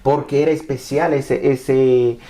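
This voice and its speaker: A man from Mexico who speaks Spanish as his first language, telling his immigration story in an animated testimony, often repeating and restarting his phrases. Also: medium pitch, slow. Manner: repeats and restarts phrases, acts out quoted dialogue.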